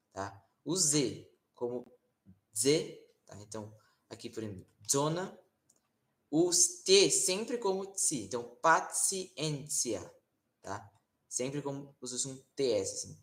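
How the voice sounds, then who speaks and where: Brazilian man teaching Latin, echoey room. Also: medium pitch. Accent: Brazilian Portuguese. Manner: informal, explains slowly with many fillers and tag questions. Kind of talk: casual online lesson. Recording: roomy echo.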